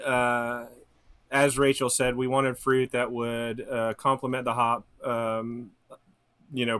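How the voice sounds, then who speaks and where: A man's voice: medium pitch, a bit bright, smooth. A man who runs a brewery, a guest on a podcast, telling a story with hesitations and dry humor. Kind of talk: casual chat.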